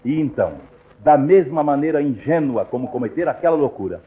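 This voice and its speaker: Solemn Brazilian radio narrator, tinny old recording. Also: male voice, fairly high pitch, expressive. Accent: Brazilian Portuguese. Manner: solemn, measured storytelling.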